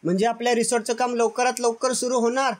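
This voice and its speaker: A man doing a worried young daughter in a serial recap, pleading and anxious with her father. The voice is high and earnest. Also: flat delivery, fast talker.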